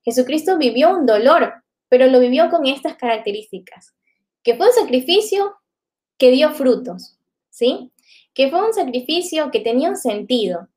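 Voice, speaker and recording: A woman's voice: sits high, lively intonation, moderate pace, darkish tone. A woman giving a reflective live faith talk to viewers, often tagging her sentences with "¿no?". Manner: reflective, many filler tags like "¿no?".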